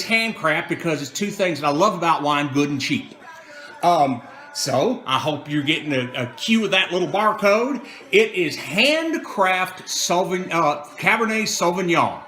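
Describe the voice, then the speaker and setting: A man's voice: sits high, bright, forceful tone. A man hosting a casual wine show, playful and theatrical in his announcing, prone to wandering off topic. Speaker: host. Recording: music behind the voice. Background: music.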